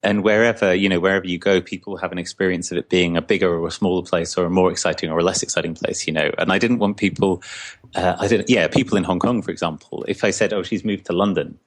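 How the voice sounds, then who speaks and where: Speaking in a low voice with fairly even intonation, a young man from Scotland who draws comics takes interview questions. His delivery is casual and halting, full of fillers and restarts.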